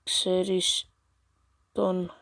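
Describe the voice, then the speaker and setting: Playful gaming host, dry close sound. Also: female voice, fairly low pitch, completely flat delivery, creaky, a bit bright, dry recording. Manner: playful, teasing, exasperated asides. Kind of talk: casual chat while reading out a chatbot's replies.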